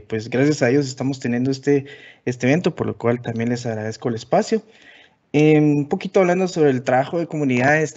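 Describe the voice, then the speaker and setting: A man from Guatemala with a Guatemalan Spanish accent, giving a relaxed technical webinar presentation full of fillers and restarts. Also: medium pitch, dull audio. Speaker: conference speaker.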